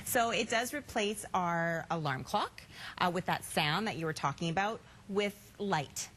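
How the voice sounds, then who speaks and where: A woman's voice: fairly low pitch, measured pace, fairly bright tone. A woman as an expert guest on a shopping channel, giving an upbeat, conversational product demonstration.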